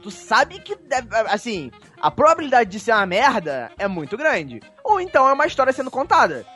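A man's voice: very high-pitched, big pitch swings, brisk, pushed and bright, breathy edge, faint music behind. A man co-hosting a casual podcast chat, rambling with frequent stammered restarts. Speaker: podcast co-host.

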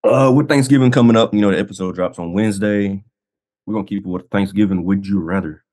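A man's voice: on the low side, quick pace, darkish tone. A man co-hosting a podcast, playful and slangy, laughing often. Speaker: podcast co-host. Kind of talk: casual chat.

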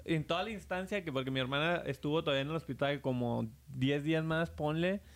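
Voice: mid-range voice, quick pace. Slangy Mexican storyteller. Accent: Mexican Spanish. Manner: slangy, animated, acts out quoted voices. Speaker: storyteller on a chat show. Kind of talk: casual chat, telling a scary story.

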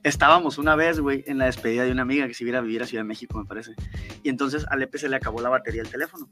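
A man's voice: mid-range voice, racing, faint music behind. A man with a Mexican Spanish accent telling slangy, profane anecdotes in a casual chat. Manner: slangy, profane, animated storytelling.

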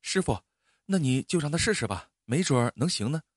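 A man's voice: a little high, expressive, a little fast, dry recording, clean studio sound. A man voicing an anxious, urgent woman doctor in a told story. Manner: urgent, pleading.

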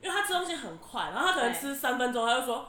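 A woman's voice: high voice, very animated, racing, crowd noise. A young woman co-hosting a casual podcast, teasing her co-host and steering the talk. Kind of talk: casual chat.

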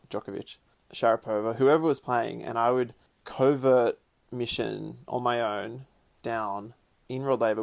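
A man co-hosts a relaxed podcast chat, spinning long anecdotes with plenty of "like" and "you know". His voice sits at a middle pitch with a gravelly, fried edge. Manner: storytelling, animated, many fillers. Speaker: podcast co-host. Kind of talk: casual chat.

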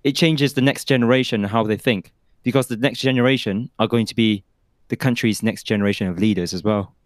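A man co-hosting a casual discussion podcast, animated and putting questions to himself before he answers them. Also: lowish voice, a little fast, no room sound, clean studio sound. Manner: animated, asks and answers his own questions. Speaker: podcast co-host.

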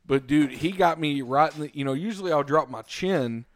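A middle-aged man co-hosting a casual podcast, telling stories in an animated way and calling his friend "bro" and "dude" a lot. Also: a little high, moderate pace. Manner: animated storytelling, says "bro" and "dude" often. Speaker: podcast co-host. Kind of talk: casual chat.

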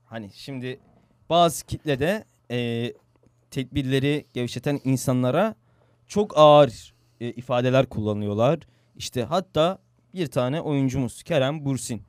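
A man's voice: mid-range voice, lively intonation, unhurried, dry recording. A young man hosting a radio show in casual chat, earnest and agreeable, repeating his points. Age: young adult. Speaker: radio host.

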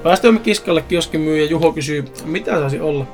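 A man's voice: on the high side, soft background music. A man narrating a first-person story in a casual way, speaking straight to the reader. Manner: casual, addresses the reader directly.

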